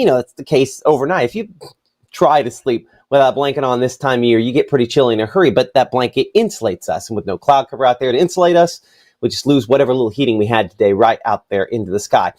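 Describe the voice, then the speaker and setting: A man's voice: on the high side, darkish tone. Chatty man giving a TV weather forecast. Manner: chatty, loose delivery with fillers and asides. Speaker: chief meteorologist. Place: TV weather studio.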